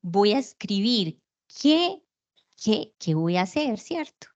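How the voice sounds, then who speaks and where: A woman's voice: medium pitch, sing-song, slow, highs cut off. A woman giving an online lecture, explaining patiently and asking rhetorical questions.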